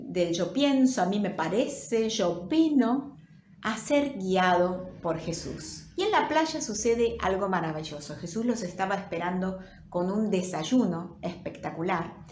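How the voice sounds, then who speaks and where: A woman's voice: medium pitch, a little mellow. A woman pastor with a Rioplatense Spanish accent, preaching in a storytelling way with rhetorical questions. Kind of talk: sermon. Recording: roomy with faint noise.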